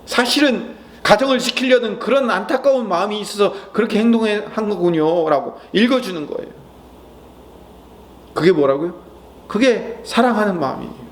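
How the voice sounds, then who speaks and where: Male pastor, high voice, preaching a sermon; asks the room questions, softens for comforting lines. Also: expressive, brisk, few pauses. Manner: asks the congregation questions and answers them; soft, gentle asides when quoting comforting words.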